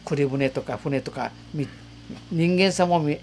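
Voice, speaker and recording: A woman's voice: low-pitched, takes it slowly, a little mellow, slight background noise. Earnest elderly woman recounting memories. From Okinawa, Japan. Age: 80s. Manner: vivid, earnest, re-enacts voices and calls. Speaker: war survivor giving testimony. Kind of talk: personal storytelling in an interview.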